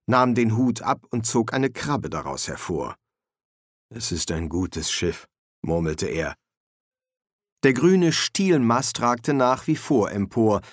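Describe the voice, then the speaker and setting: A man's voice: on the low side, no room sound. Man narrating an audiobook, dry sound. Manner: measured, expressive reading with character voices. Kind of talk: scripted narration.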